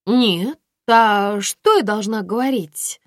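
A woman's voice: no echo, studio quality, lightly acted. Woman putting on Violetta, a gushing young friend. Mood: flustered. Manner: high, gushing, rushed. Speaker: audiobook reader.

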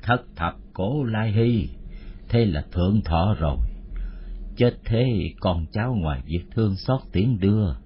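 A man voicing a grieving old widower in his sixties who speaks slowly and weighs every question. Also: fairly low pitch, expressive, slight background noise. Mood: wary, grave. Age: 60s. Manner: slow, measured, gravely questioning. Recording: muffled lo-fi audio.

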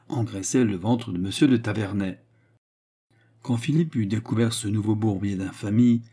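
Husky male audiobook narrator. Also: lowish voice, dark tone. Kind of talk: scripted narration.

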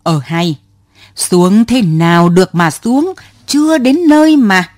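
A woman's voice: lowish voice, animated, normal speed, slightly rough, no room sound, studio quality. A woman voicing a stubborn passenger in her seventies who answers curtly and refuses to get off, in a storybook reading. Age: 70s. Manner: curt, stubborn. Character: stubborn elderly woman passenger, curt and unruffled.

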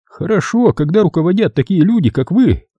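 A calm young doctor in an audiobook, soft and earnest, as a male narrator puts him on with his voice lifted well above his own. The tone stays husky and dark, with a dry, close sound. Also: high voice, fairly quick, dry recording, lo-fi sound, pitched above the performer's own voice, heavily acted.

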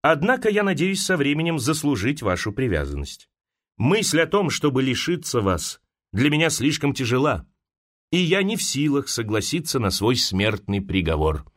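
A man reading an audiobook, voicing a courteous middle-aged prince who speaks in a polite, measured, lowered voice. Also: big pitch swings.

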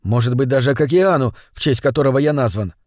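A man voicing a proud male colonist shouting his thoughts in panic in a storybook reading. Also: mid-range voice, quick pace, dry recording, clean studio sound, natural voice. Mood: hopeful thought. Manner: frantic inner shouting.

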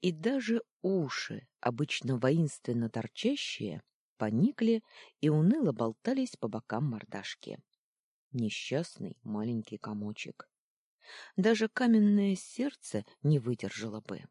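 An audiobook narrator reading a children's fantasy story with expressive, lively storytelling. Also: mid-range voice, a little slow, husky, no room sound, studio quality.

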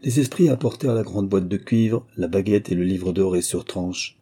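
In this scripted audiobook narration, a male voice tells a fairy tale calmly and at a measured pace. His voice sits low and sounds very dark and husky.

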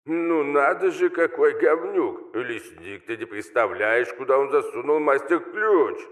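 A man's voice: medium pitch, animated, unhurried, voice pushed up, close to an everyday voice. A scruffy old healer, crude and joking, as a male reader plays him. He boasts in a slightly raised voice and swears casually. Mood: gruff.

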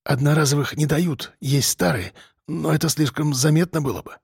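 A man's voice: moderate pace, creaky, husky, no room sound, studio quality, full character voice. Man playing a cowardly whining prison doctor. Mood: timid whisper. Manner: timid mumbling, breaking into shrill shrieks.

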